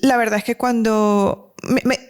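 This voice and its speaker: A woman from Ecuador telling her life story as a podcast guest, animated and laughing often, acting out what people said to her. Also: unhurried, smooth. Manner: animated, acts out quoted dialogue in a much higher voice, laughs often. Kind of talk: casual personal storytelling.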